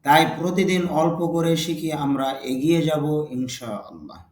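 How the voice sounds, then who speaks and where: A man with a Bangladeshi accent teaching English vocabulary, repeating each word twice with its meaning and stressing the English word louder. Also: on the high side, sing-song, normal speed, roomy sound. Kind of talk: slow, deliberate vocabulary lesson with repetition.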